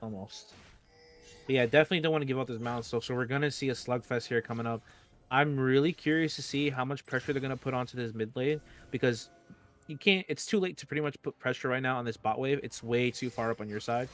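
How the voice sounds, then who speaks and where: A man co-casting an esports match, breaking down the plays in a quick conversational way. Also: medium pitch. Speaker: esports color commentator. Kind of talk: game analysis commentary.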